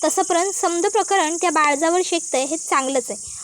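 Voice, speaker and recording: A woman's voice: very high-pitched, a little fast, a little hiss or hum. A woman voicing a guilty young man who mutters to himself while plotting. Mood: scheming. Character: scheming guilty young man, brother-in-law.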